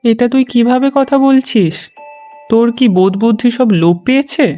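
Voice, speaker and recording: Cartoon voice: an anxious, scolding village mother, mellow tone, as a woman acts her. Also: lowish voice, measured pace, faint music behind, natural voice. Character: worried middle-aged village mother. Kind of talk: cartoon voice acting.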